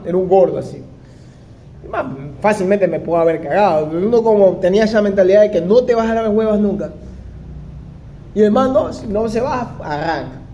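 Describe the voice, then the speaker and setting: A young man with a high, mellow voice tells a personal story from his own life. He keeps it animated and slips into the voices of the people he quotes. A faint hum sits under the recording. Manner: animated, acts out quoted dialogue. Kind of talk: first-person anecdotal monologue.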